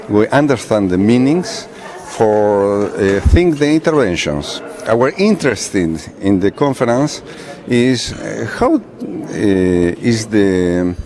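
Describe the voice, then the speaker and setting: A man who works in harm reduction, giving a halting interview statement in broken phrases. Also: deep voice, darkish tone. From Brazil.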